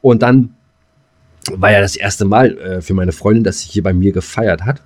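Speaking at a moderate pace in a lowish voice, a man co-hosts a casual podcast chat, rambling loosely and hesitantly with bits of crude slang.

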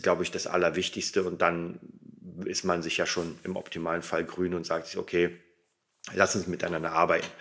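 A man's voice: low-pitched, a bit bright. A man hosting a casual, rambling solo podcast, informal and emphatic, his articulation slightly impeded by a dental retainer. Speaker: podcast host.

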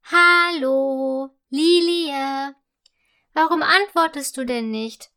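Woman doing a bold male crocus flower, impatient, calls out loud, slow, children's audio story. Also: sits high, heavily acted. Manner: calling out firmly.

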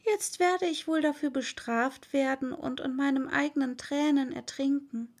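A woman's voice: high voice, fairly even intonation, normal speed, voice pushed up. A woman voicing a polite, curious little girl in a read-aloud story, eager and chatty, sometimes apologetic. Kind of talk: audiobook reading.

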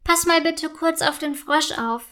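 A woman voicing an excitable young girl who talks eagerly and stammers when caught out. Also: high voice, unhurried, voice pushed up. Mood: excited.

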